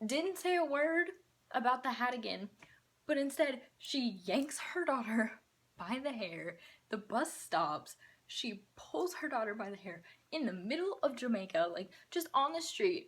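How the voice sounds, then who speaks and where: A woman's voice: on the high side, breathy edge. A young adult woman, host of her channel, telling a story in a casual, slangy, chatty way.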